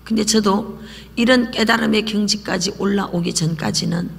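Woman pastor, husky gravelly voice, lively sermon, whispers at times, echo of a church hall. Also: medium pitch, moderate pace. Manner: lively preaching, drops to whispers and calls for repetition. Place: church sanctuary.

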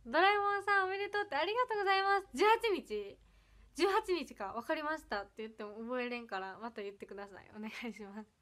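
A young woman with an Ehime Iyo accent tinged with Kansai chats on a casual livestream from her home. Her voice sits high, and she giggles a lot as she reads out viewer comments. Many of her lines fade off into a soft murmur. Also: lively intonation, quick pace. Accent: Iyo dialect of Ehime mixed with Kansai. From Ehime, Japan. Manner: bubbly, giggly, often trails off softly. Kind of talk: casual birthday livestream chat.

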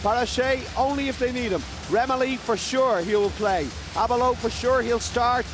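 A man giving live handball commentary in short, emphatic, excitable phrases. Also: extremely high pitch, normal speed, music in the background. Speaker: sports commentator. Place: large indoor sports arena with crowd.

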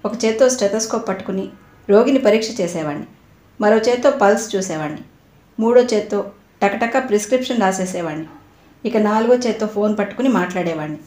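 A woman's voice: mid-range voice, brisk, a little mellow, natural voice. A woman narrator voicing a cheerful young male doctor who talks in a playful, teasing way. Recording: roomy echo.

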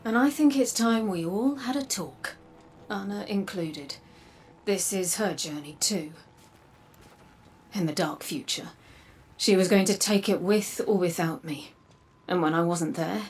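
An actress voices a weary, resolute robot woman in a video game, a guarded sister from a dark future. Her delivery is earnest, measured and solemn, lowish in pitch and only lightly acted. Game soundtrack music plays behind her, with slight background noise.

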